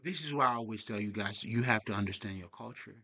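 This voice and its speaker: Young man, spiritual vlogger, streetwise and profane, digressive, bright sharp tone. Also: on the low side, quick pace. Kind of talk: casual rambling monologue.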